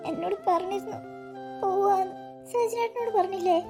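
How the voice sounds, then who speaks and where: A woman's voice: extremely high pitch, moderate pace, music in the background. A woman voicing a grief-stricken young woman in a cartoon drama, sobbing and pleading in a breaking voice. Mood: grieving.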